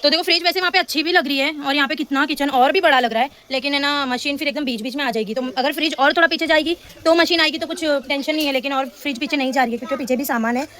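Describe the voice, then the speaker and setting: A woman's voice: high-pitched, a bit bright. A woman who is a mother, chatting casually to her phone camera in her home kitchen, teasing her son and talking through her chores. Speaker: vlogger, mother. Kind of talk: casual home vlog narration. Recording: noisy home recording.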